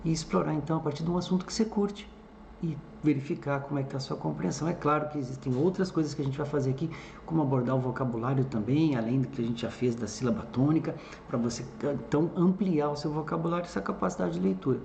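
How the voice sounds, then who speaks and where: Mellow-voiced man teaching on screen. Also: fairly high pitch, quick pace, gravelly. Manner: explains step by step with frequent "tá?" check-ins. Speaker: English teacher. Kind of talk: screen-recorded tutorial narration. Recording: echoey room with faint background noise.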